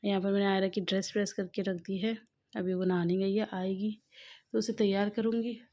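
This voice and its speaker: A woman's voice: medium pitch, little pitch movement, normal speed, dark tone. A young woman and mother chatting casually to her viewers in a home vlog, rambling on about her day as she films on her phone. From Uttar Pradesh, India. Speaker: family vlogger, mother. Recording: dull lo-fi phone audio with faint household noise.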